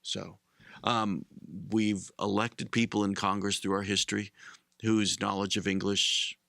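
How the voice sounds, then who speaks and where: A man co-hosting a casual discussion, explaining things in a measured way. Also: fairly low pitch, level tone, gravelly, pushed and bright, no room sound, studio quality. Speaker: co-host.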